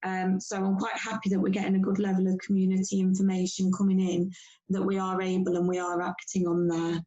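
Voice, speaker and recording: A woman police inspector, tired after a long shift, giving a measured, factual briefing to a council meeting over a video call. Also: medium pitch, monotone, warm tone, highs cut off. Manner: measured, factual report with frequent pauses.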